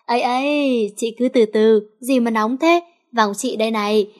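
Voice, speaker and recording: A playful schemer of a teenage girl , as a woman reader puts her on, teasing her friends with mock alarm. Her voice sits a little high. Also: moderate pace, close to an everyday voice.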